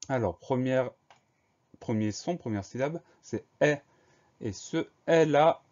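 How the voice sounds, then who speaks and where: A man's voice: lowish voice, dark tone, muffled recording. A man teaching a dictation lesson, patiently spelling words letter by letter and explaining grammar.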